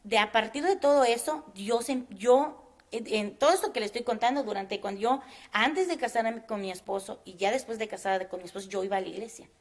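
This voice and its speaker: A woman giving a personal faith testimony in an interview, speaking earnestly and haltingly with many fillers. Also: fairly high pitch.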